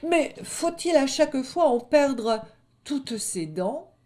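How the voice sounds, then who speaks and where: An eager little wolf cub in a storybook, piping high with excited questions, as a woman narrator voices him. His voice jumps around brightly and climbs well above her own. He keeps an unhurried storyteller's pace. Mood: dismayed.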